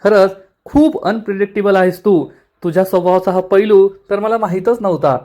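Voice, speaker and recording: Earnest young boss guy, a man reading him, formal and polite, highish voice. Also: moderate pace, mellow, close to an everyday voice.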